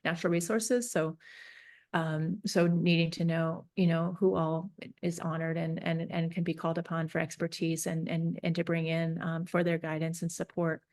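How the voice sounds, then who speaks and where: A woman from Northern California, a peacemaker and facilitator, talking through her thoughts in an interview with many pauses and restarts. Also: low voice, level tone, a little mellow. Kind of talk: reflective interview talk.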